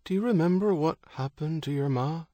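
A man voicing a wistful, anxious young boy who talks softly. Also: on the high side, fairly quick, dry recording, voice pushed up, lightly acted. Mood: hushed.

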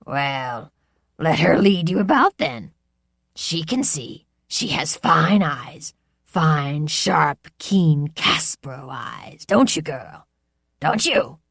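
A woman's voice: very animated, slow, vocal fry, a bit bright, no room sound, studio quality, heavily acted. A woman voicing a bellowing, overbearing old grandfather lord with brassy, jeering laughter in his voice. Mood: mocking. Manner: booming and jeering.

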